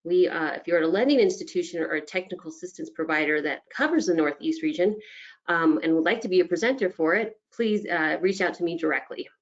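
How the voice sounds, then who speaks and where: A woman giving a brisk webinar presentation for a state agency, with frequent ums and restarts. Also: lowish voice. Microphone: video call. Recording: dull lo-fi online call audio.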